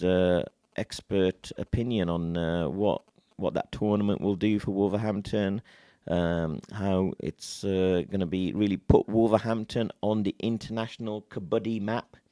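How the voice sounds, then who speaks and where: A man hosts live radio in a fairly deep voice. He talks off the cuff and haltingly, filling time, with a very dry studio sound. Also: warm tone, no room sound. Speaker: radio host. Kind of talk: live unscripted radio presenting.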